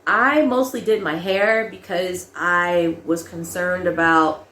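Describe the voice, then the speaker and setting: A young adult woman casually telling a personal story, animated, laughing often and acting out quoted lines. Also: fairly low pitch, takes it slowly, roomy sound, slight background noise.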